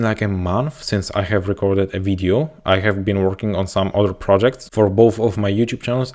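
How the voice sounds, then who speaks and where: A Polish man, speaking English as a second language with a Polish accent, coaches viewers directly to camera from indoors as a YouTube growth coach. His advice is earnest, repetitive and motivational, delivered in a voice on the low side with a darkish tone.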